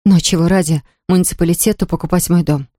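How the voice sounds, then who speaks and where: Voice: medium pitch, fairly even intonation, fast talker, mellow, dry recording, natural voice. A narrator voicing a distraught woman who owns a ruined house, reading in a dry, close studio recording. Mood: overwrought. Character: distraught middle-aged woman, homeowner, near hysterics.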